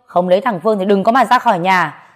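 A woman voicing an angry middle-aged father who scolds his grown daughter loudly, in a storybook reading. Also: mid-range voice, quick pace, close to an everyday voice. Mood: furious. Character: furious middle-aged father, harsh and shouting.

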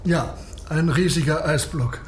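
An actor playing a proud, commanding submarine captain in a radio play, with a grandiose, measured, declamatory delivery. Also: male voice, a little high, a little hiss or hum, lightly acted. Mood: grave, controlled. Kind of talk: dramatic radio play acting. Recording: loud ambient sound effects behind the voice.

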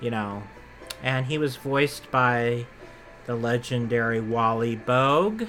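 Bright-voiced chatty male podcast host. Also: medium pitch, takes it slowly, faint music behind. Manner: chatty, rambling, self-correcting. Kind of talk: casual chat about theme park attractions.

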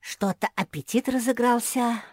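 A woman voicing a quirky, literal-minded little female dog with a chirpy, squeaky voice. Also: moderate pace, a little mellow, dry recording, clean studio sound, natural voice. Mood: musing.

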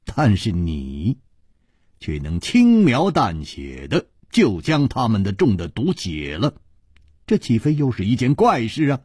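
A man voicing a calm, clever male swordsman hero who reasons things through with small scoffs. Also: medium pitch, breathy edge, no room sound, studio quality, voice pushed up. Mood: reasoning. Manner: measured, reasoning, with little scoffs.

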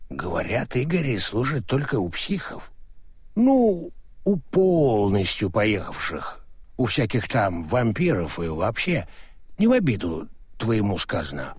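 A man's voice: on the low side, huge pitch swings, measured pace, breathy edge, no room sound, studio quality, full character voice. A man voicing a drunk, sentimental small-time male swindler with slurred, hiccuping speech. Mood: drunk, rambling.

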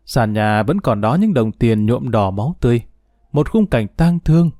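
Man with a dark, lively storytelling voice. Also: medium pitch, normal speed, no echo, clean studio sound. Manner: expressive, emotional storytelling. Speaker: narrator. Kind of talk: dramatic audio story narration.

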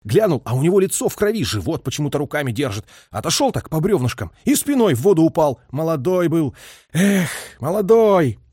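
Man putting on agitated soldier, high shouting, desperate overexcited tone, lively pitch. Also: a little fast, husky, no room sound, studio quality. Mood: frantic. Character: battle-shaken male soldier, wildly agitated.

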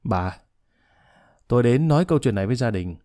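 A man voicing a calm, formal middle-aged lawyer speaking in a measured way. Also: medium pitch, dry recording, clean studio sound, natural voice.

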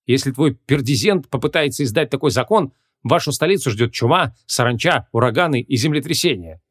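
A man voicing a hot-tempered ancient male archmage, gruff and imperious, in an audiobook. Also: medium pitch, animated, brisk, lightly acted.

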